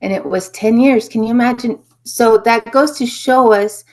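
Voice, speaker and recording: A woman from New Mexico, a spiritual healer guest, telling her story in an earnest, reflective way that often trails off softly. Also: fairly high pitch, moderate pace. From New Mexico, USA. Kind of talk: casual interview storytelling.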